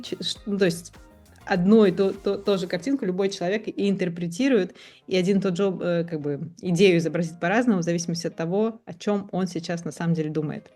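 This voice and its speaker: A woman with a fairly low, dark-toned voice takes part in a podcast. In a casual discussion she thinks aloud hesitantly and reflectively, often rephrasing what she's said.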